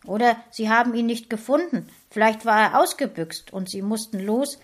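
A woman's voice: on the high side, moderate pace, lightly acted. A woman voicing a regretful husband and dog owner in a subdued, sorry tone. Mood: remorseful. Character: remorseful middle-aged husband, a dog's owner.

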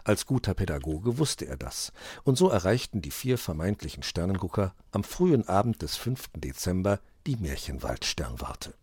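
A man narrating a children's animal story in an expressive storytelling manner. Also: low voice, moderate pace, breathy edge, dry recording.

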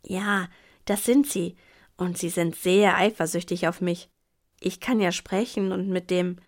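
A woman's voice: lowish voice, steady tone, a little slow. A woman voicing a friendly male snow penguin who smiles as he talks, in a storybook reading. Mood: hushed. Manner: warm, welcoming.

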